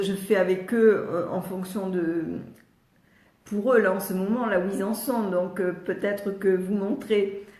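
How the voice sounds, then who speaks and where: An older woman with a French accent, a speech therapist answering live questions, patiently sounding out letters and syllables and pausing often to read viewers' questions. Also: mid-range voice, darkish tone, echoey room. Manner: reads viewers' questions aloud, frequent hesitations. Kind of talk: live Q&A teaching.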